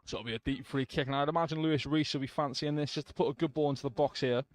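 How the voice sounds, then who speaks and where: A man giving live radio commentary on a football match from the stands, calm play-by-play with brief asides to listeners. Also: fairly high pitch, racing, no room sound.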